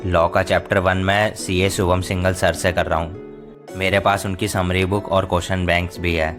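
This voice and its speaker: Low flat-voiced young man. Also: normal speed. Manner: explains step by step, Hindi mixed with English words. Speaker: student vlogger. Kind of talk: casual study vlog narration. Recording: voice-over with clear background music.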